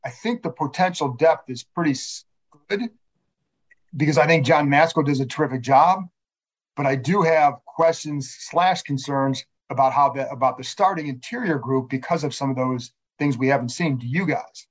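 A man's voice: medium pitch, moderate pace, breathy edge, highs cut off. A man hosting a casual sports discussion, posing questions and often cutting into his own sentences. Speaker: podcast host.

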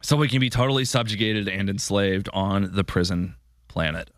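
A man's voice: fairly low pitch, fairly even intonation, moderate pace, no echo, clean studio sound. An American man hosting a political talk show, delivering an indignant, paranoid-sounding conspiratorial rant with a sarcastic, mocking edge.

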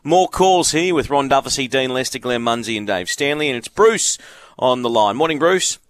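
A man's voice: medium pitch, animated, moderate pace, a bit bright, no room sound. A man hosting a talkback sports radio show, chatty and repeating words as he takes calls. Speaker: radio host.

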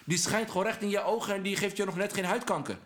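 Appearing on a podcast, a man with a high, slightly bright voice talks fast in a relaxed yet preachy way. He earnestly urges patience over anger, sprinkling Arabic religious phrases throughout.

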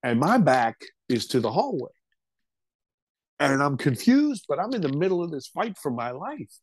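A man's voice: fairly high pitch, sing-song, normal speed, slightly rough, dry recording. A middle-aged man, a podcast interview guest, vividly retelling a frightening childhood memory in a loose, casual way, swearing freely.

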